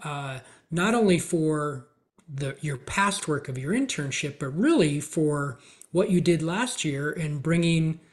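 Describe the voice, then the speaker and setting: A man hosting an interview podcast, asking questions in a measured way and recounting details of the guest's achievements. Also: on the high side, expressive. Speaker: podcast host, conference commissioner. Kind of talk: interview host.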